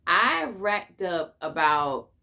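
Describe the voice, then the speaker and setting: A woman's voice: on the low side, very animated, very slow, pushed and bright. A woman telling stories from her past in a casual, slangy way, repeating phrases for emphasis. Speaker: couponing vlogger. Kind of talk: casual reminiscing storytelling.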